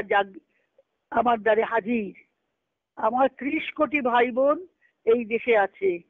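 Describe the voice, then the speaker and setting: A spiritual discussion speaker with a voice on the high side reads letters on a group conference call, explaining them didactically and repeating phrases. The audio is tinny and band-limited, with no echo.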